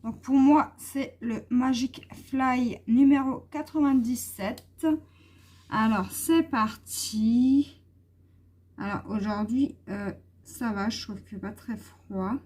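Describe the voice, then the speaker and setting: A woman's voice: a little high, slow, darkish tone. A woman vlogger chatting casually and hesitantly while she colors, with many fillers. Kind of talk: casual coloring vlog chat.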